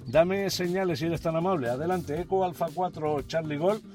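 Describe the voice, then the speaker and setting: Courteous male ham operator, slightly high voice. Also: moderate pace, a little mellow, soft background music. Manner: courteous, formulaic, repeats call signs. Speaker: amateur radio operator calling contacts. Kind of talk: ham radio calls with phonetic call signs and signal reports.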